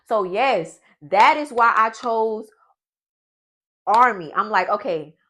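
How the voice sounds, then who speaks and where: A woman, giving a blunt, profane motivational pep talk in a vlog. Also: on the high side. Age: 20s. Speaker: vlogger.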